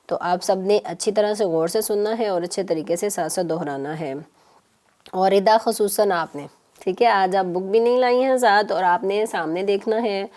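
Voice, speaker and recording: A woman teaching children on a TV lesson, patient and coaxing, repeating syllables slowly. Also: lowish voice, dark tone. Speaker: Quran teacher.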